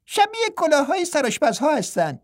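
A storyteller voicing two cheerful monk twins in an audiobook, in a high, eager, chirping voice. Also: huge pitch swings. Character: twin monk pair, cheerful, chiming in together.

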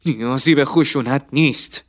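A man voicing an earnest, calm young nobleman pleading his case with determination. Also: mid-range voice, lightly acted.

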